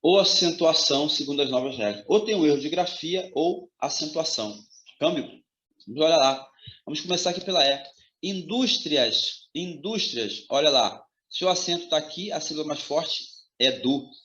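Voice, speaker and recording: A man's voice: fairly high pitch, a little fast, fairly bright tone. A male grammar teacher giving an exam-prep lecture, talking emphatically and checking in with his students. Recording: roomy, slightly dull audio.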